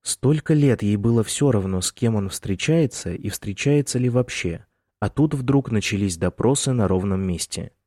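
A man narrating an audiobook in a measured, even reading. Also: lowish voice, dry recording, clean studio sound. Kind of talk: scripted narration.

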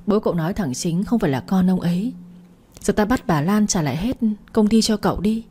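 A woman's voice: medium pitch, animated, a little fast, mellow, breathy edge. Woman voicing a worried older housekeeper. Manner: worried, pleading.

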